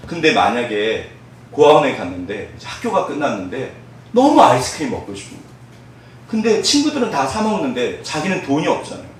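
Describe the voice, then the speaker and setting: A man preaching a sermon as pastor, telling a story with big swings between loud and hushed speech. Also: mid-range voice, very animated, brisk, a little hiss or hum. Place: church sanctuary. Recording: very echoey hall, voice from far off.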